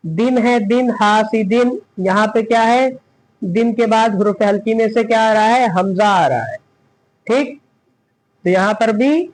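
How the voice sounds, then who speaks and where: A man's voice: high voice, darkish tone, low-quality recording. A man teaching Quran reading, spelling out letters step by step and asking and answering his own questions. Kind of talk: step-by-step recitation lesson.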